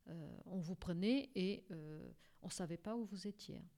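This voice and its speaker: A middle-aged woman from Portugal answers interview questions about her life. She talks haltingly, with frequent fillers and repeated words. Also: fairly low pitch, dark tone. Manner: hesitant, many fillers and restarts. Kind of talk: personal life story interview.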